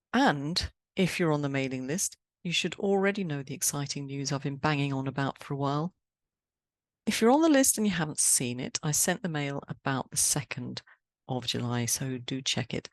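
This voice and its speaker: English woman, podcast host, low voice, dry close sound, chatty and brisk. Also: no echo. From England. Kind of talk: podcast talk and interview.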